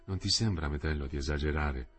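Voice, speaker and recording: A man voicing Ersilia, a young wife who reproaches her husband in a sharp, scolding way. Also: a bass voice, a little fast, husky, pitched below the performer's own voice, full character voice. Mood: reproachful.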